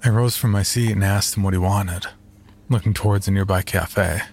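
A man narrating a first-person horror story in a measured, storytelling tone. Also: deep voice, fairly even intonation, creaky, a little mellow.

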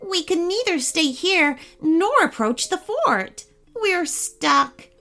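A woman voicing a tiny, polite and timid female pickle in a high, prim voice. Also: big pitch swings, slow, gravelly, sharp tone, exaggerated voice.

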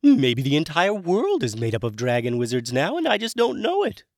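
A man voicing a genial, eccentric old dragon wizard with a high, airy, chatty voice. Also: huge pitch swings, normal speed, no echo, studio quality.

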